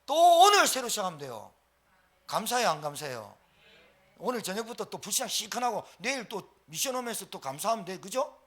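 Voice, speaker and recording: A man pastor preaching at a Friday prayer meeting, animated and colloquial, driving points home through emphatic repetition. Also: high-pitched, a little fast.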